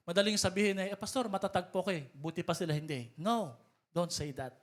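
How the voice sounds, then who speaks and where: Filipino-accented pastor, man, high-pitched, bilingual preaching, emphatic. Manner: mixes Tagalog and English, rising to emphatic calls. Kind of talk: sermon. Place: church hall.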